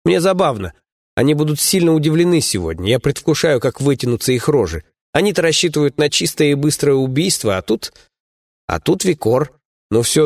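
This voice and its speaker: A man's voice: mid-range voice, a little mellow, dry recording, clean studio sound, pitched above the performer's own voice, close to an everyday voice. A man voicing a fierce, cocky young woman warrior, spirited and scornful.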